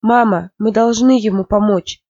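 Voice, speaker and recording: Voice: mid-range voice, normal speed, dry recording, close to an everyday voice. A storyteller voicing a frightened young girl who pleads hesitantly through tears, in a dull, dry recording. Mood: tearful.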